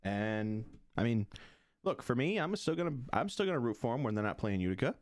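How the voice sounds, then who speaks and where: A man's voice: mid-range voice, very animated, a little fast, no room sound. A man co-hosting a sports podcast, chatting casually with restarts and playful groans. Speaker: podcast co-host.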